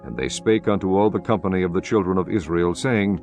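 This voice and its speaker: Male narrator for scripture: low-pitched, solemn, measured delivery over a soft music bed.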